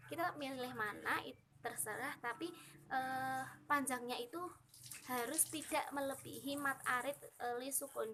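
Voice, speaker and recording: A young woman with an Indonesian accent explaining Quran recitation rules in a casual, chatty way, slowly chanting the example verses. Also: fairly high pitch, background noise. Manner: chatty explaining, frequent "gitu" and fillers, slow drawn-out recitation of examples. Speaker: student teaching Quran recitation.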